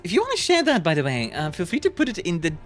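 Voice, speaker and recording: Talking fast, a Belgian streamer chats with her audience and reads messages from the live chat, her lowish voice swinging hugely in pitch. Her English accent leans British. She comes across as bubbly and giggly, with plenty of fillers, over faint background music.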